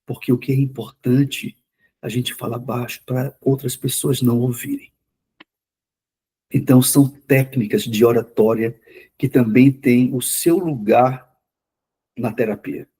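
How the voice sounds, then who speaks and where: A man lectures a class in a quick, conversational way, often repeating words to drive a point home. His voice is dark and mellow, with a slightly husky grain. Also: mid-range voice, fairly even intonation. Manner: says himself he talks fast. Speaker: lecturer on mental health therapy.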